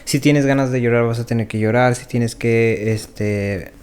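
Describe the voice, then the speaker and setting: A man's voice: mid-range voice, steady tone, unhurried, a little mellow. A man co-hosting a casual podcast chat, steering the talk with questions and plenty of fillers. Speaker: podcast co-host.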